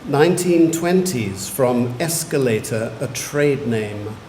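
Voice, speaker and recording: A man acting as spelling bee pronouncer, saying each word slowly and carefully, then reading its definition and an example sentence. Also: medium pitch, expressive, a little mellow. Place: large museum hall. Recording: echoey hall, faint room noise.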